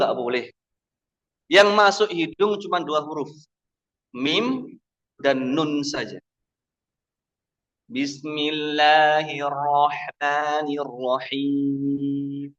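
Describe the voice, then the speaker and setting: A man teaching Quran recitation, slowly demonstrating each sound with drawn-out chanting. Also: on the high side, a bit bright. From Indonesia. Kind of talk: tajwid lesson with demonstrations. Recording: dull lo-fi recording.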